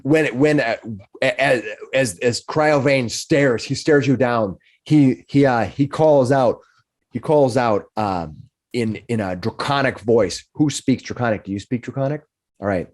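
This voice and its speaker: A man's voice: medium pitch, measured pace, darkish tone. A man acting as game master, narrating a tabletop game casually and repeating his phrases as he explains.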